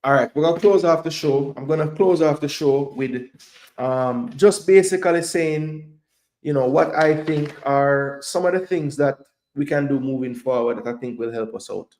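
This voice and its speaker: A man's voice: fairly high pitch, moderate pace, a little mellow. A man hosting a live football analysis stream, talking with passion and driving his points home by repeating them. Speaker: host of a live football show. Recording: echoey room.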